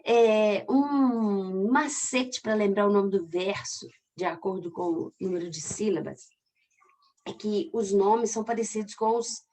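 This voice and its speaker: A woman's voice: medium pitch, unhurried, darkish tone, slight background noise. A woman with a Brazilian accent teaching a literature class, explaining in a chatty way and talking straight to her students. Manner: stretches words out when scanning syllables. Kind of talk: recorded online class.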